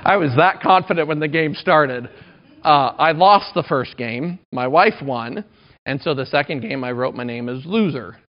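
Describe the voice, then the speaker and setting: A man's voice: on the high side, animated, normal speed. A man in his thirties preaching a sermon in a conversational, self-deprecating way. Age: 30s. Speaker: pastor. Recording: dull lo-fi recording.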